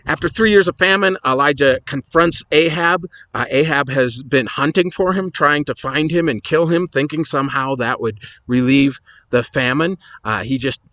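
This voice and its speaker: A man's voice: fairly high pitch, normal speed, bright, forceful tone, no echo, highs cut off. A man, a pastor, retelling Bible stories in a casual, conversational lesson with chatty asides.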